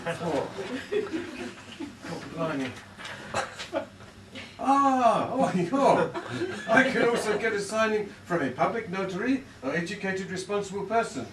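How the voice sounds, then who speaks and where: A man playing a fussy, hammy French parcel courier with broken English and a French accent on a pantomime stage. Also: high-pitched. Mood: astonished. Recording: echoey, distant, noisy stage with audience.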